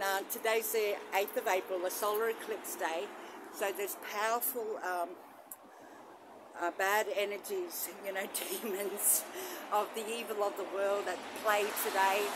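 Out in the bush and a shallow rock cave, a middle-aged woman who vlogs and practices spirituality chats casually to her phone on a selfie stick with a mic attached. Her mid-range voice rambles along with gentle enthusiasm and exclamations. Traffic hums through the noisy outdoor recording.

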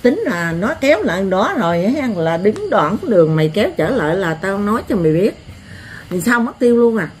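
An older woman with a Southern Vietnamese accent, telling stories in a blunt, earthy, animated way as an interviewee. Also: mid-range voice, brisk, a little hiss or hum. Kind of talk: rural storytelling.

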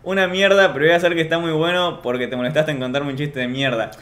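A man's voice: on the high side, steady tone, fast talker, heavy background noise. A man with an Argentine accent, a streamer chatting casually and ranting jokingly to his chat. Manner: joking, mock-boastful rants to chat. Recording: roomy echo.

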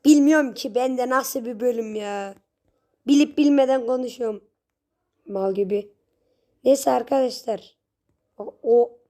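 A young woman giving casual gameplay commentary, chatty with her viewers and prone to sudden shrieks and yells at the game. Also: high-pitched. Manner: chatty, talks straight to viewers. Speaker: gaming channel host.

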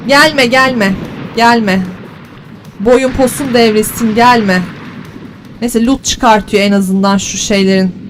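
A woman's voice: on the high side, a little hiss or hum. Exasperated woman cursing through a let's play. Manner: exasperated, cursing and bantering at the game's creatures; teasing mock flattery. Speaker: gaming channel host.

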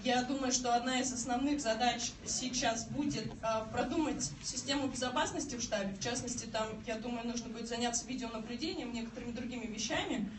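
Her pitch is a little high and she talks fast, with hardly any pauses. She is a woman in her twenties, a campaign office coordinator addressing a public meeting, earnest yet hesitant and prone to starting over. It was recorded in a crowded indoor meeting room with a far-away mic, echo and plenty of noise.

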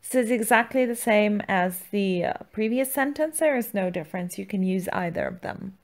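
A woman's voice: medium pitch, normal speed. A woman hosting a scripted language lesson, enunciating words and phrases in an instructional way. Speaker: language teacher, channel host.

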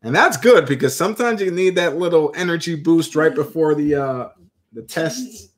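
A man's voice: a little high, expressive, moderate pace. A man hosting a live online coin auction, chatting with viewers and calling bids with playful sports-style commentary. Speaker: auction host.

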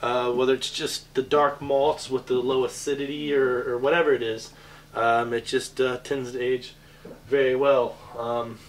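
A middle-aged man talks enthusiastically about what he loves, laughing easily as he shows off his collection. His voice sits at an ordinary pitch. He is caught on a camcorder's built-in mic in a small basement, and the audio has a clear hiss of noise. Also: little pitch movement, normal speed. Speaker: beer bar owner giving a cellar tour. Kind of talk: casual chat. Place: indoors, small basement beer cellar. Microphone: on-camera mic of a handheld camcorder.

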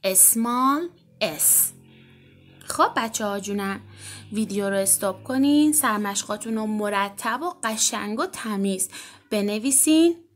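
A woman teaching an alphabet lesson to children, gently and encouragingly, stretching out example words slowly and clearly. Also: medium pitch, lively intonation. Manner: slow, drawn-out, clearly enunciated example words.

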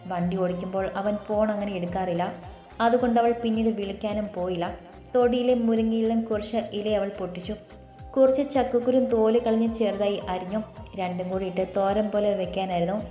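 A woman narrating a story in a calm, even storytelling voice. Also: mid-range voice, normal speed. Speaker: audiobook narrator. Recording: roomy echo with faint music.

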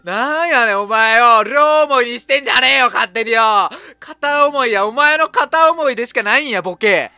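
Lively blunt woman with Kansai accent. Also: on the high side, moderate pace, hardly any pauses, clear, resonant tone, no echo. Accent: Kansai Japanese. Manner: blunt, mouthy asides and retorts. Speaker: game streamer. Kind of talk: casual horror game commentary. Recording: music behind the voice.

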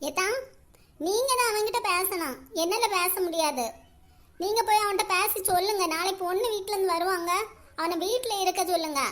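Brief: cartoon mother, bossy and nagging, bright and high. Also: a little fast. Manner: demanding, nagging. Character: bossy mother arranging her son's match.

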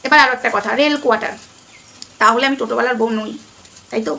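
A woman's voice: on the high side, fast talker, gravelly, bright, forceful tone. A middle-aged woman with a Bengali accent, talking casually and emphatically to her viewers at home and often checking that they follow. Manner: emphatic, repeating "ঠিক আছে?". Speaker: vlogger.

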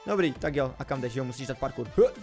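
A young man giving casual, jokey commentary over a game, swinging between low muttering and sudden excited yelps. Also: gravelly, faint music behind. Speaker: gaming YouTuber.

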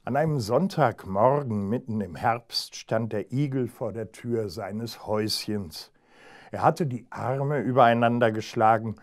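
A man slowly reading a fairy tale to children. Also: medium pitch. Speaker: storyteller.

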